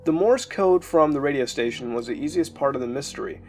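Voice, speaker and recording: A man's voice: medium pitch, animated, fairly quick, faint music behind. A man casually narrating a creepy internet story for a video, with the occasional filler as he goes. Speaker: YouTube narrator.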